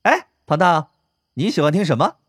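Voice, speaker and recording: A man's voice: on the high side, sing-song, moderate pace, husky, dry recording, studio quality, pitched above the performer's own voice. Man doing a cheeky baby-faced young guy. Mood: teasing. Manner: singsong, mocking, chirpy.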